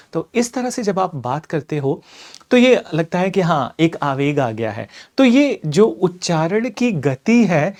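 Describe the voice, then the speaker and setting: A man's voice: fairly high pitch, a little mellow. A male teacher giving an exam-prep lecture, explaining step by step, often checking in with "okay," and mixing English terms into his talk. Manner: mixes English terms into Hindi; slows down and speeds up on purpose to demonstrate.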